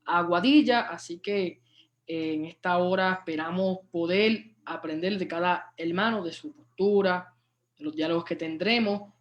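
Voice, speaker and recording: A man from Rico, speaking as a church panelist with a welcoming greeting. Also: sits high. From Puerto Rico.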